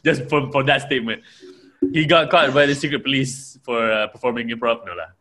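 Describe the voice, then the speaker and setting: A man from Malaysia co-hosting a casual comedy podcast, laid-back and quick to laugh. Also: mid-range voice, a bit bright. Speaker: podcast co-host.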